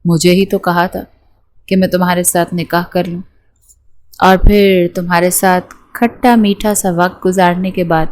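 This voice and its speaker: A woman's voice: lowish voice, steady tone, darkish tone, lightly acted. A woman voicing a bossy, hot-tempered young groom in an audiobook, taunting and scolding. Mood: teasing.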